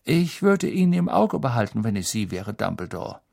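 A man's voice: medium pitch, very animated, normal speed, vocal fry, a little mellow, no room sound, clean studio sound. A man reading an audiobook, voicing a flustered, fretful middle-aged male official.

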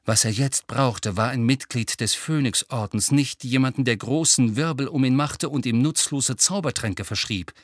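A man reading an audiobook, with expressive, tension-building narration. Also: medium pitch, normal speed, few pauses, dry recording, studio quality.

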